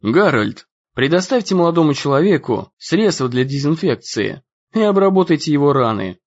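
A man voicing a stern, formal old gentleman who speaks slowly and strictly in an audiobook. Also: fairly high pitch, big pitch swings, lo-fi sound. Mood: stern calm. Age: over 60. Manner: slow, measured and strict.

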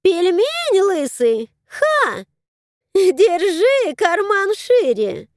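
A raspy, gossipy crow from a storybook who mocks everyone she talks to, as a woman puts her on. Her voice jumps high with lively swings, and the sound is dry. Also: slow pace, dry recording, heavily acted. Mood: mocking. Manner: mocking, cackling.

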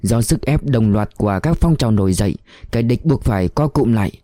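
Dark-voiced man reading a novel. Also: medium pitch, expressive, brisk, no echo, clean studio sound. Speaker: audiobook reader. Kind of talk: scripted narration of a war novel.

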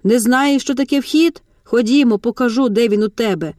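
A woman's voice: on the high side, normal speed, darkish tone, no room sound, clean studio sound, close to an everyday voice. A woman voicing a crude, menacing male guard in uniform who mocks and insults. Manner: rude, mocking.

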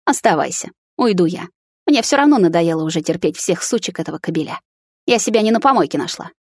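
A woman's voice: lively intonation, quick pace, darkish tone, husky, no echo, studio quality. A woman voicing a furious, jealous young woman who screams and sneers in an audiobook. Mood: scornful. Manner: shrill, screaming, scornful. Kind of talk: audiobook character voice.

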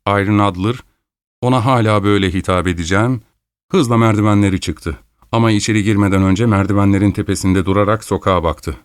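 A man narrating an audiobook in a steady, measured storytelling manner. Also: fairly low pitch, clear, resonant tone, no echo, studio quality. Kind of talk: scripted narration.

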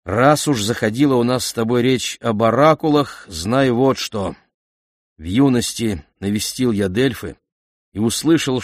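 A man's voice: mid-range voice, no echo, clean studio sound, pitched above the performer's own voice, natural voice. A man voicing a courteous but vain king who speaks in a regal, declamatory way.

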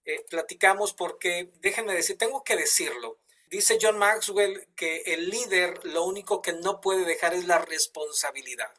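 A man's voice: high-pitched, moderate pace, bright, forceful tone. A man with a Mexican accent hosting a live online talk show, enthusiastic, with many fillers and restarts. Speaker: host.

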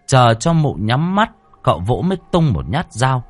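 A man narrating a horror audiobook in a dramatic, expressive storytelling manner. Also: mid-range voice, moderate pace, soft background music.

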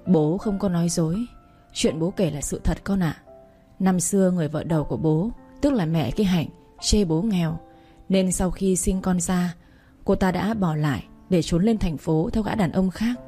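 A woman voicing a dying middle-aged father who talks slowly, weary and apologetic. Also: lowish voice, mellow, soft background music, close to an everyday voice. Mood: confessing.

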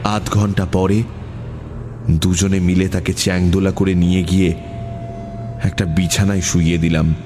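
A man narrating an audiobook story in a measured storytelling manner. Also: deep voice, level tone. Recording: music bed under voice.

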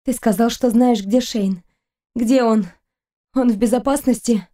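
A woman's voice: a little high, fairly even intonation, unhurried, warm tone, close to an everyday voice. A woman voicing an angry young woman held captive, speaking indignantly and sharply in an audiobook.

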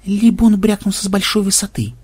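A man's voice: high voice, steady tone, fast, darkish tone, breathy edge, voice pushed up. A man reading an audiobook and voicing a thoughtful, wry programmer who gives orders to his friends. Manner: musing, commanding. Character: pensive programmer hero, young man, wry.

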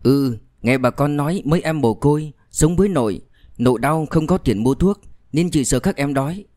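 A man voicing a kind young woman outlaw who gently gives instructions to orphaned children in an audiobook. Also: fairly high pitch, expressive, normal speed, no room sound, studio quality, natural voice.

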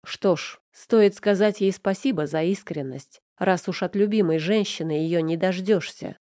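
Proud bitter young guy in a storybook, read by a woman, low mellow voice, dry sound. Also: moderate pace, no echo, natural voice. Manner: reproachful, pressing questions. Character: proud young man, hurt and bitter lover.

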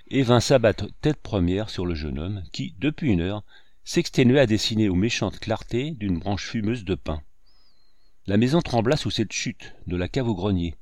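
A man narrating a classic novel as an audiobook in a measured, even reading. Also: lowish voice, no echo, studio quality. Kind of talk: scripted narration.

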